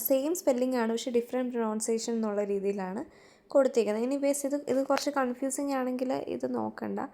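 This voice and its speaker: Woman, Malayali accent, fairly high voice, patient exam-prep teacher, checks in with listeners. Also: gravelly, dark tone. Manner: explains step by step, often checking in with listeners.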